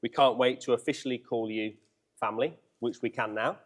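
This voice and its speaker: A man delivering an informal wedding speech in a halting way, with pauses, recorded live at a reception. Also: mid-range voice, steady tone. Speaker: wedding speaker, brother of the groom. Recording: noisy live event recording with clicks.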